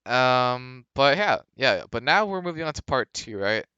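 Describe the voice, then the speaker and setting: A man's voice: medium pitch, very animated, unhurried, bright, forceful tone, smooth, no room sound, lo-fi sound. A young man co-hosting a casual podcast, rambling through jokey conspiracy theories and stories. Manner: rambling, joking conspiracy storyteller. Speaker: podcast co-host. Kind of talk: casual chat.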